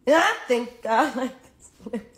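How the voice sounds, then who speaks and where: A woman's voice: on the high side, lively intonation, a little slow. A woman playfully repeating herself in a prank clip, breaking into giggles. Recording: noisy phone clip.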